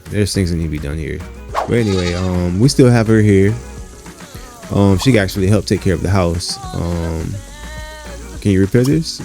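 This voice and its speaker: A man's voice: low voice, normal speed, gravelly, darkish tone, faint music behind. A man giving casual, rambling gameplay commentary, talking to his viewers as "you guys" and filling his talk with "you know" and "um". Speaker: gaming channel host.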